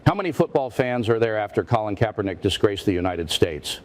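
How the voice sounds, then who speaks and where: A man's voice: lowish voice, expressive, fairly quick, natural voice. A man playing a parody news anchor, a stiff, formal, indignant interviewer who presses and repeats himself. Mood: solemn, formal. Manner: stiff, formal, repetitive, confrontational.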